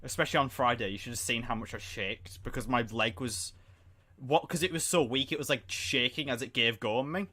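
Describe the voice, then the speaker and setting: A man's voice: mid-range voice, a little fast, bright, forceful tone. A young man, a streamer and podcast host, rambling in casual chat and often talking over his co-host. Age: young adult. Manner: rambling, chatty, talks over the other speaker.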